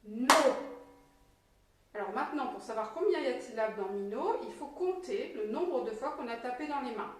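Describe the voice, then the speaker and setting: A woman teacher giving a slow, encouraging reading lesson to a young child, sounding out syllables clearly. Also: on the high side, expressive, music in the background. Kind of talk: patient early-literacy lesson. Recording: very echoey room, mic at a distance.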